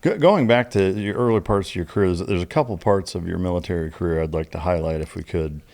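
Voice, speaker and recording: A man's voice: deep voice, fast, vocal fry, darkish tone. A man hosting a podcast interview who asks polite, somewhat hesitant questions with fillers. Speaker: podcast host.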